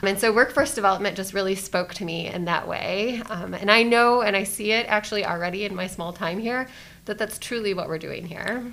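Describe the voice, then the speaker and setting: A woman answers interview questions in a bright, clear voice of middle pitch. She speaks warmly and with enthusiasm. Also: brisk. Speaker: program manager, interview guest.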